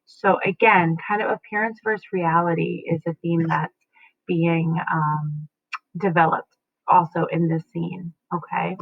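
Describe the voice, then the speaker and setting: A woman's voice: fairly low pitch, fairly even intonation, measured pace, gravelly, dry recording. Woman teacher, tinny phone-like sound. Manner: explains and checks in with "right?" and "okay?". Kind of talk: literature lesson.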